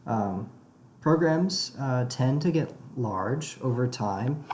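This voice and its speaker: A man talks through a programming lesson, pausing often on "uh" as he works out his explanations. The audio is low quality, captured without proper recording gear in a roomy, echoey space. A faint hiss of background noise sits under his medium-pitched voice. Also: expressive, darkish tone. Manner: halting, with many "uh" fillers while explaining. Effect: low-quality recording made away from his usual equipment. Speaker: programming tutor. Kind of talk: casual spoken lecture over diagrams.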